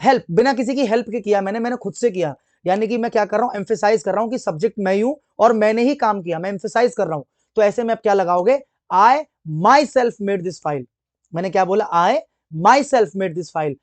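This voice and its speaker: A man teaches English grammar online, repeatedly asking the class questions and answering them himself while reading the English example sentences slowly. His high voice is a little mellow, and the recording is dry.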